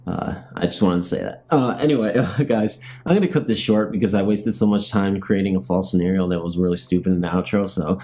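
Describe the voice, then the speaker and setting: A man's voice: deep voice, a little fast, hardly any pauses, dark tone. A man reading spooky family ghost stories aloud, then talking in a rambling, self-deprecating way as host. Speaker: channel host and storyteller.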